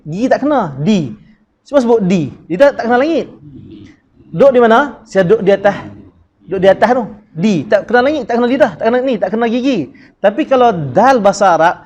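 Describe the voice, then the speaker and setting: High-voiced Malaysian man teaching recitation. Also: darkish tone, lo-fi sound. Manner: drills sounds by repeating syllables, asks the class questions; chants verses slowly and melodically. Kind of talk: classroom lecture on Quran recitation.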